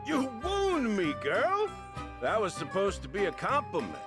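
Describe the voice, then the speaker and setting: Gruff, boastful bandit king, wildly animated. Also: sits high, a little slow, full character voice. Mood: wounded. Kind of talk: video game voice acting. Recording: loud game music underneath.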